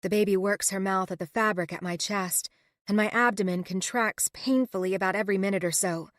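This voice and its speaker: A woman narrates a first-person romance audiobook with emotional, expressive reading. Her voice sits in a middle register. The recording is dry and close. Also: medium pitch, brisk, dry recording.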